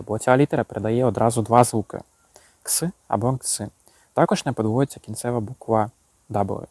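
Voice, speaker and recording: A man's voice: mid-range voice, warm tone, no room sound, rough recording. A man teaching an English grammar lesson, explaining rules and then reading word pairs and example sentences aloud.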